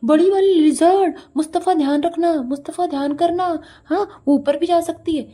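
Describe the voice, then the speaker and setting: A woman doing a mocking impression of an over-excited woman vlogger who squeals with exaggerated excitement. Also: mid-range voice, racing, natural voice. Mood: shrill excited.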